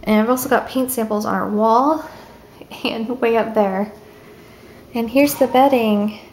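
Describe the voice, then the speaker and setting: A woman's voice: fairly high pitch, steady tone, a little slow, noisy background. A young woman casually showing her spare room on a handheld camera, chatty and upbeat, a little out of breath. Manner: chatty, upbeat, lots of fillers. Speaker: vlogger. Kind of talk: casual home tour vlog. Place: spare room upstairs in a house.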